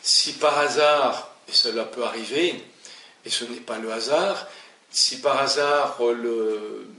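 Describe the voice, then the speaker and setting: A man teaches slowly and patiently, pausing to show each step and repeating the same phrases. His voice is bright and carries a clear room echo, as if he is standing some way from the microphone. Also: medium pitch, far from the mic. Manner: calm, explanatory, demonstrates tapping with repeated phrases. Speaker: EFT instructor. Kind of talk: demonstration lesson.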